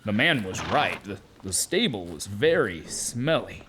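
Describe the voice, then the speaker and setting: A weary donkey, voiced by a man, recounts his journey in a children's audio drama. He takes his time with dramatic pauses and a very lively pitch. Animal and cricket noises sit clearly behind him. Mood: weary storytelling. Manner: deliberate storytelling with dramatic pauses. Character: Eli, a weary, aggrieved male donkey telling his journey. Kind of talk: first-person children's audio drama narration. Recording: noisy, with animal and cricket ambience.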